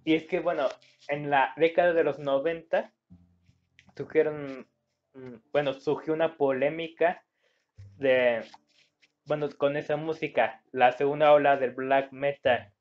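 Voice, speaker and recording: A man's voice: a little high, fairly even intonation, measured pace, pauses often. A man with a Mexican Spanish accent giving casual gameplay commentary, rambling and searching for words as he reads game words aloud. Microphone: phone. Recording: dull lo-fi phone recording.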